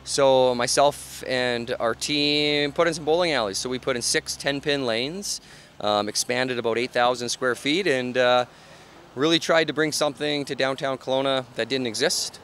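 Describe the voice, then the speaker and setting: He's a bar owner in his thirties, speaking at normal speed in a mid-range, fairly bright voice during a casual on-site interview loaded with fillers like "you know" and "um." There's slight background noise on the handheld reporter mic, which catches him outdoors on a street before he heads into a large bar and bowling hall.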